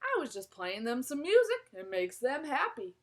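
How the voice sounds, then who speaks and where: Storybook voice: a woman reading as a shy gentle pet shop man, quiet and halting, lively pitch. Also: exaggerated voice.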